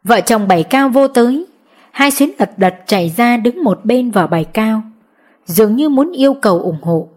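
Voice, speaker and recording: A woman narrating an audiobook in a steady storytelling manner. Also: a little high, moderate pace.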